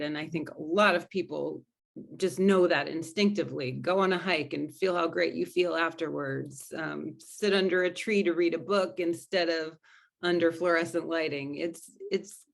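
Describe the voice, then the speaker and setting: A spiritual coach being interviewed speaks earnestly in a low voice with a gravelly edge. Her steady, reflective answers are conversational and thoughtful, and she often restarts to rephrase what she said.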